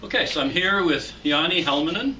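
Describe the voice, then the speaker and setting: A man conducting a formal interview, reading his introduction in a measured way and asking questions. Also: on the high side, bright, forceful tone. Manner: measured, reads introduction slowly. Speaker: interviewer for a salmon association. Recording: far from the mic with faint noise.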